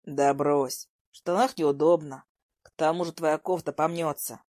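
A teasing young man with a lowered, unhurried drawl that turns every line a little sardonic, as a woman narrator puts him on. The sound is dry and close. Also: steady tone, a little mellow, no echo.

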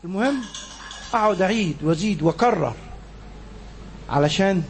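Egyptian male preacher, very high voice, storytelling sermon that rises to shouts, faint background noise. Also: expressive, normal speed. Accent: Egyptian Arabic. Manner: storytelling, acts out quoted figures, swings between soft and shouted. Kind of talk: Friday sermon.

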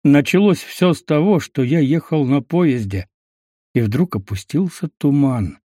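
A blunt, wary young newcomer, voiced by a male audiobook reader in a close-to-natural, slightly high voice. He speaks in short, level questions, recorded dry and close. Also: animated, measured pace, mellow, no room sound. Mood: guarded.

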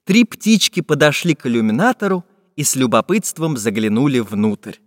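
A man narrating a children's fairy-tale audiobook in a lively, expressive storytelling manner. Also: mid-range voice, moderate pace. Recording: dry studio voice with long reverb.

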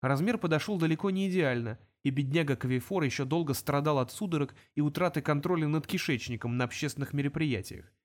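A man narrating a fantasy audiobook in an even storytelling voice. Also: fairly high pitch, fast, hardly any pauses. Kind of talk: scripted narration.

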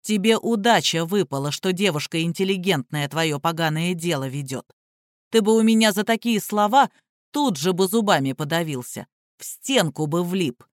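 A reader voicing a stern male lawyer and former policeman who booms and barks orders. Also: animated, normal speed, dry recording, studio quality, close to an everyday voice. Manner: booming, barking orders.

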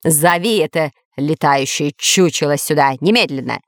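A woman voicing a brooding, weary villain lord in a storybook reading, low and snappish. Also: normal speed, dry recording, studio quality. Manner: gloomy, snapping.

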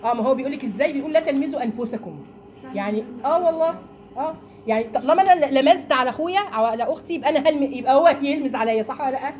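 A Quran lesson for women is delivered by a teacher with an Egyptian Arabic accent whose high voice comes out rapid-fire. She's lively, acting out stories and imitating mocking voices, and the recording has a noisy room behind it.

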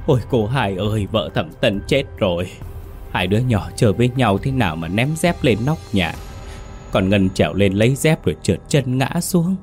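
A man's voice: fairly low pitch, a little mellow, close to an everyday voice. Man voicing a panicky old village woman. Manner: stammering, tearful pleading.

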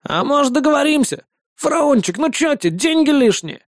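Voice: sits high, big pitch swings, moderate pace, no echo, clean studio sound, voice pushed up. A reader voicing a sleazy male street dealer who mocks and wheedles. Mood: wheedling. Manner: wheedling, mocking.

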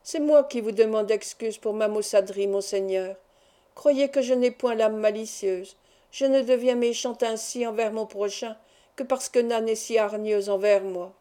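A woman's voice: a little high, fairly even intonation, normal speed, mellow, close to an everyday voice. A woman voicing a proud, wild young peasant beauty who talks back defiantly. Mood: pleading.

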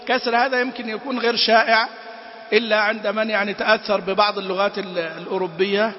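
High-voiced man teaching Quran recitation. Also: steady tone. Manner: demonstrates sounds by chanting, then corrects with quick asides; quizzes listeners with short questions. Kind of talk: tajweed lesson. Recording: roomy reverb, dull lo-fi sound.

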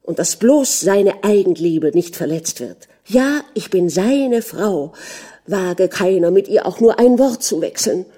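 A woman's voice: mid-range voice, normal speed, warm tone, voice pushed up, natural voice. A woman voicing a young wife who pleads with her jealous husband and rails against him in a storybook reading. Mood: indignant. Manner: pleading, then indignant. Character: young wife, hurt and indignant.

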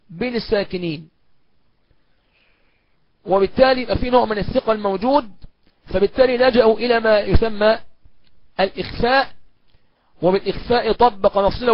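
A man with an Egyptian accent teaching Quran recitation rules. He explains each point step by step in colloquial speech, then chants each example slowly. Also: sits high, no room sound. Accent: Egyptian Arabic. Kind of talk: recorded lesson on recitation rules. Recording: dull, muffled lo-fi recording.

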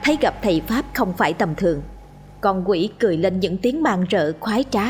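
A woman's voice: mid-range voice, lively intonation, a little fast, a little mellow, a little hiss or hum. A woman narrating a ghost story with dramatic storytelling.

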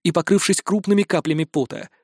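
A man narrating a fantasy adventure in first person, brisk and wry. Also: high voice, darkish tone, slightly rough, dry recording, clean studio sound. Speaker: audiobook narrator.

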